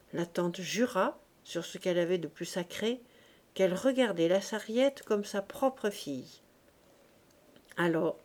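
A woman with a medium-pitched voice reads a classic novel aloud as an audiobook narrator, her delivery measured and expressive.

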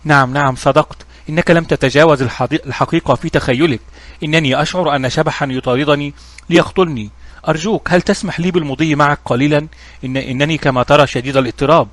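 A terrified thief stumbles over his words and rushes to get them out, as a storyteller puts him on. He talks fast in a dry, close voice. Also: medium pitch, dry recording, close to an everyday voice. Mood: panicked. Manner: stammering, rushed. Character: frightened stammering male thief.

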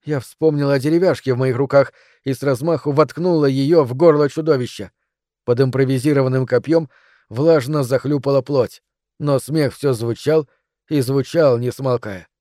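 A man narrating an audiobook in a measured, dramatic reading. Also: medium pitch, warm tone, dry recording, studio quality. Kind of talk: scripted narration.

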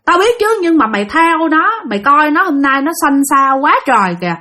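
A woman voicing a stern older male exorcist master who scolds loudly, with a Southern Vietnamese accent. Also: high-pitched, sing-song, normal speed, voice pushed up, heavily acted. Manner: scolding, insistent, raised voice.

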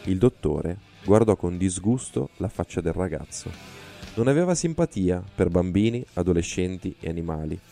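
A man reading a novel aloud in a measured, deliberate narration. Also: low voice, sing-song, vocal fry, dark tone, faint music behind. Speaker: reader. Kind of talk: audiobook reading.

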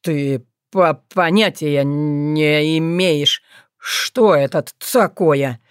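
Audiobook: woman voicing a cold, stammering young fox-man, deep and dry. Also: smooth, no echo. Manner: slow, stammering, subdued. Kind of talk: audiobook character voice.

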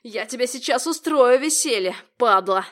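A woman voicing a brutal, crude grown man who barks his lines loudly and coarsely. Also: fairly high pitch, slow. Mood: snarling. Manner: barking, loud and coarse.

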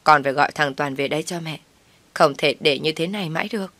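Brief: complaining old mother-in-law, shrill and low-pitched, read by a woman narrator, storybook. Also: quick pace, a bit bright, no room sound. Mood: aggrieved. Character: scheming older mother-in-law, wailing and accusing.

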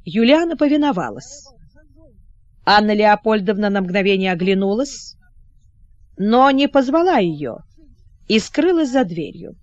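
Woman narrating a novel with measured drama. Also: medium pitch, very animated, a little mellow, no echo, dull audio. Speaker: audiobook narrator. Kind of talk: expressive novel reading.

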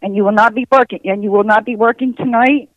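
A woman's voice: fairly high pitch, fairly even intonation, fast, no echo. A woman posing as someone's boss on a prank phone call, heard over the phone and repeating the same insistent lines. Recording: muffled phone line.

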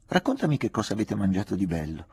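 An anxious, gentle aging father, read by a man, low and dark in tone with a husky grain. He speaks kindly and fretfully, in a confiding way, as in a storybook reading. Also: sing-song, fast talker, heavily acted. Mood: warm insisting.

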